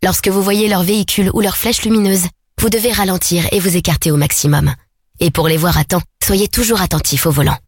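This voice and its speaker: A woman playing a measured, earnest GPS voice giving road-safety advice in a radio ad. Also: fairly low pitch, steady tone, husky, no room sound, clean studio sound. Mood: earnest, instructive. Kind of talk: scripted public safety radio ad.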